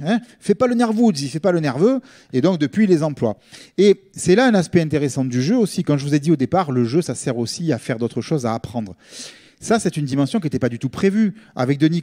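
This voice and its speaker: A middle-aged man speaks with a Marseille accent in a fairly high, mellow voice. He lectures informally, explaining ideas in a conversational way and regularly checking that his listeners follow. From Marseille, France. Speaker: linguist giving a public talk.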